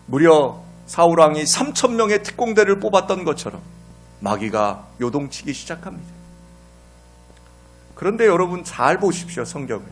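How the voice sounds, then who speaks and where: A man preaching a sermon as pastor, dramatic, asking his congregation questions and swinging between loud and hushed. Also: fairly high pitch, big pitch swings, normal speed, soft background music.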